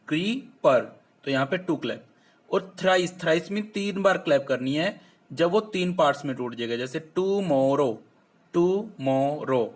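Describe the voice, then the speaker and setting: An Indian man teaching a class lesson in Hindi and English, reading English lines out slowly and clearly and then explaining them. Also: a little high.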